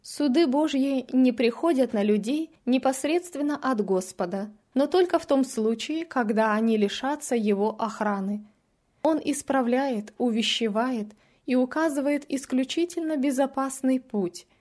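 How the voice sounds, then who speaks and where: A woman giving a measured, solemn reading of a devotional religious text. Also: high voice, a little mellow.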